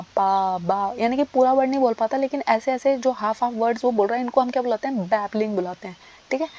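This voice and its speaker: Fast-talking woman teaching a lesson. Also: on the high side, mellow. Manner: explains with questions she answers herself. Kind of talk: exam-prep lecture. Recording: dull lo-fi audio.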